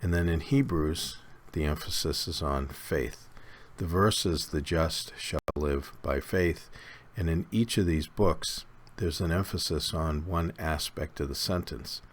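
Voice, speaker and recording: A man giving an unhurried, conversational Bible study lecture with fillers and restarts. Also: low-pitched, slight background noise. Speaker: Bible teacher.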